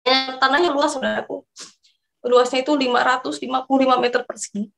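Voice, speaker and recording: A woman from East Java shares her religious testimony in an earnest storytelling voice that sits a little high. She keeps turning to her listeners as brothers and sisters while she tells her story. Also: steady tone, brisk, gravelly, a bit bright, soft background music, rough recording. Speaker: convert giving testimony.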